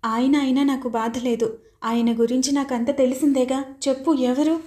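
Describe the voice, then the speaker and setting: A woman's voice: high voice, fairly even intonation, moderate pace, dark tone, lightly acted. A woman voicing an anxious young married woman in an audiobook, asking question after question. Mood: coaxing.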